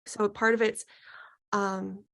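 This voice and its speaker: Creaky-voiced woman, musing mystical healer. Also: mid-range voice, flat delivery, a bit bright. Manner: slow, halting, searching delivery with long pauses, like a mystical healer. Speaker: spiritual healer leading a client session. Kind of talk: unscripted guided healing session, musing aloud.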